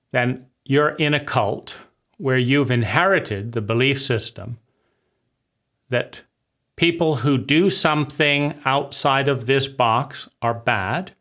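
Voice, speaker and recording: A man giving a reflective talk on psychology, often asking "right?" and acting out quoted voices with sudden rises in pitch. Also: a bit bright. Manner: acts out quoted voices with big pitch jumps; repeats words and says "right?" often. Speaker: speaker on psychology.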